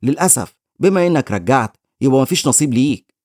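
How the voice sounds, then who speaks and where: A scornful young guild bully taunts his victim, as an Egyptian male narrator reads him. The lines come quickly and at a middle pitch, with a dry close sound. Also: expressive, a little mellow, dry recording, natural voice. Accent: Egyptian Arabic. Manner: sneering, scornful.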